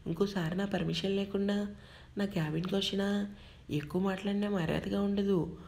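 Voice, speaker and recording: A woman voicing an angry young male boss who scolds and shouts at his assistant. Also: mid-range voice, steady tone, moderate pace, gravelly, natural voice. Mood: angry, scolding.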